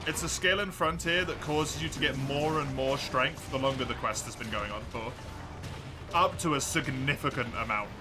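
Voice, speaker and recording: An Englishman with a medium-pitched voice chats casually with his live-stream viewers at a normal speed. He laughs a lot, pokes fun at himself and swears freely, with music playing in the background.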